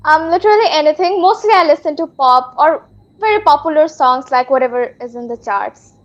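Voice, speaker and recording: A woman's voice: sits high, animated, fairly quick, highs cut off. A woman with an Indian English accent chatting with a tutor on a video call, laughing lightly between answers. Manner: chatty with frequent small laughs. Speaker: English learner and channel host. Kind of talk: casual video-call chat and scripted intro. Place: video call on a language app.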